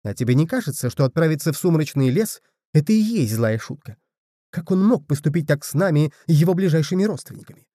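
A grieving old widow and mother, lamenting and scolding, as a male narrator puts her on. Her voice sits above his own in pitch and keeps a very dark, mellow tone, recorded dry and close. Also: fairly quick, dry recording, close to an everyday voice.

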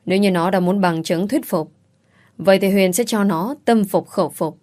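A woman narrating a story in an even storytelling manner. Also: medium pitch, normal speed. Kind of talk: audiobook narration.

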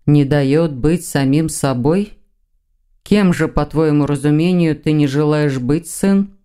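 A composed elder male demon who heads an academy, measured and quietly mocking, as a woman reads him aloud. His lines come low and unhurried, with a dark, mellow tone. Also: clear, resonant tone. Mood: dry. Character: older male demon, academy rector and calm father.

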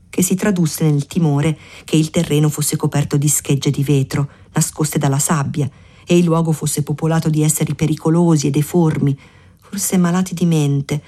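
Low-voiced woman narrating a novel. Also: warm tone. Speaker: audiobook narrator. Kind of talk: literary audiobook narration.

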